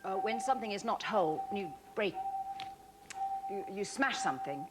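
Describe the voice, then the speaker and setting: A young woman giving hurried clues and guesses as a contestant in a TV studio. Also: mid-range voice, expressive, loud music behind the voice. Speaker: game show contestant. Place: television studio.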